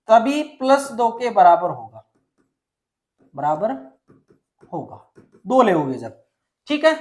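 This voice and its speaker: A man's voice: very high voice, a little mellow. A male teacher from Rajasthan explaining a chemistry lesson step by step, often asking a question and then answering it himself. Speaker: science teacher.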